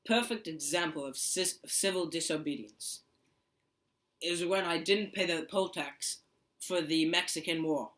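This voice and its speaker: A man's voice: on the high side, measured pace, a bit bright, poor audio. A young man playing a proud male nonconformist writer in an amateur school skit, reciting prepared lines plainly. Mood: steady. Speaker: interview guest in a school skit.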